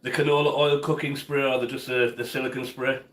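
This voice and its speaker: In a brisk, fairly bright voice of medium pitch that barely rises or falls, a man cooks at home on a casual livestream, greeting and responding to viewers by name. Echo from the kitchen and a faint hiss or hum are present.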